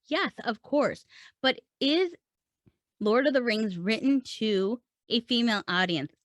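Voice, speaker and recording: This is a podcast host and writing coach, a woman whose fairly high voice moves at a measured pace. The recording is clean studio audio without any room sound. Her talk is a relaxed, explanatory lesson delivered step by step, full of questions to listeners that she answers herself.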